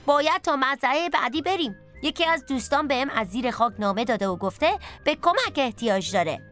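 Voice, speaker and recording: A cheerful, bossy storybook potato, voiced by a woman with a raised, bright voice. Chatty and lively, with soft music under it. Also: sits high, voice pushed up. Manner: chatty and lively, leading the group. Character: cheerful bossy potato, plump, many-eyed.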